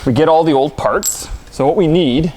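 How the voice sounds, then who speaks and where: A man's voice: a little high, normal speed, background noise. A man co-hosting a car show, chatting casually and explaining each step as he works on a car in a garage. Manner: joking, explains steps as he works. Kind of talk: casual garage chat while working.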